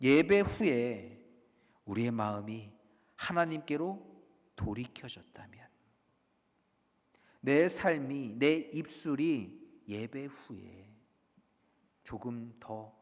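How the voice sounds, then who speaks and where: A man preaching a sermon as a pastor, swinging between loud declarations and hushed whispers. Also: mid-range voice, animated, slow pace, long pauses, in a large hall. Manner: dynamic preaching, dropping to soft whispers for emphasis.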